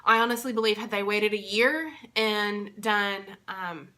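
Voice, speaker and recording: An unhurried young woman with a medium-pitched, pushed and bright voice rambles through a chatty vlog update, leaning on many fillers. She is a vlogger and convention interpreter, and she is congested while still recovering from having lost her voice.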